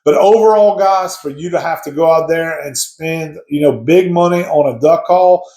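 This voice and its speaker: A man with a voice a little higher than most speaks in a roomy, echoing space. He gives casual advice straight to his viewers. His delivery is conversational and explanatory, like a hobbyist laying out an opinion. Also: moderate pace, warm tone. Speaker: hobby duck hunter giving advice to viewers. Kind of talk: casual opinion talk to camera. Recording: echoey, roomy sound.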